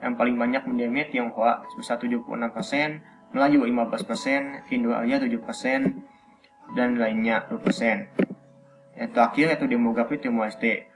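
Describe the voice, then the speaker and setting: A young man, a university student, reading figures for a class presentation, hesitant and pausing often with fillers. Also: mid-range voice, fairly even intonation, music in the background. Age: young adult.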